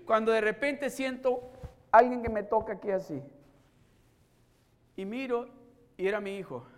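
A middle-aged male preacher tells a personal testimony during a sermon, shifting from soft storytelling to shouted exhortation. His voice is high and a little slow, and he switches between Spanish and English.

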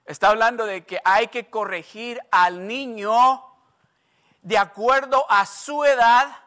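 A man's voice: very high-pitched, sharp tone. An older man preaching a sermon, emphatic and repetitive, asking the congregation questions and telling stories from his own life. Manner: storytelling asides.

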